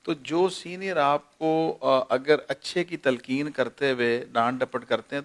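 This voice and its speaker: A man, a senior advocate giving measured, lecturing answers in an interview and leaning on everyday examples. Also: medium pitch. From Pakistan. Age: 40s.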